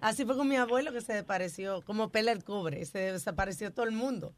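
Very high-voiced man recounting. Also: quick pace, a crowd in the background. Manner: recounting a family story. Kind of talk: casual group chat.

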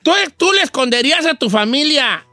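A cheeky old Mexican host with a very high, reedy voice and a bright, sharp edge. He teases, rambles and chuckles through a comedic radio talk show. The sound is close and dry. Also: expressive, fairly quick, no room sound, faint music behind, exaggerated voice. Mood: joking. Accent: Mexican Spanish. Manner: teasing, rambling, chuckles often.

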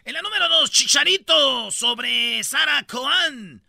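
A man with a Mexican Spanish accent hosts a comedic radio show in a rowdy, joking way. His voice sits high and sounds bright and sharp. He keeps acting out little scenes for laughs. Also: expressive, slow pace, vocal fry, no echo, studio quality.

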